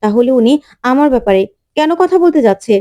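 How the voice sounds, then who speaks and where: A woman's voice: fairly high pitch, animated, quick pace, highs cut off, close to an everyday voice. A woman voicing a furious defiant teenage girl. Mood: angry, shouting. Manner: sharp, indignant, rising to shouts.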